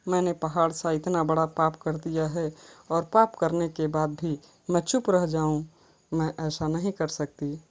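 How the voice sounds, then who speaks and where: A woman teacher reciting lines of verse and then explaining them plainly to her students. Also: lowish voice. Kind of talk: Hindi poetry lesson explanation.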